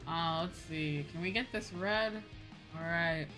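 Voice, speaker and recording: A woman chats with her viewers during a live gaming stream, rambling in a casual, expressive way. Her voice is lowish and her pace measured, and background music plays throughout.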